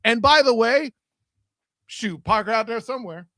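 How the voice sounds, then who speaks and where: Loud, sharp, high-pitched male sports host. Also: moderate pace, no echo, clean studio sound. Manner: emphatic, excitable, yelling delivery. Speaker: sports talk show host. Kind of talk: opinionated sports talk.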